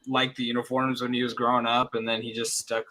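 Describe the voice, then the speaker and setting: A young man in his twenties with a bright, forceful voice. He is from Oregon, and he talks football in a blunt, opinionated way, laughing easily among friends. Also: medium pitch, completely flat delivery, fairly quick, poor audio. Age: 20s. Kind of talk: casual sports chat.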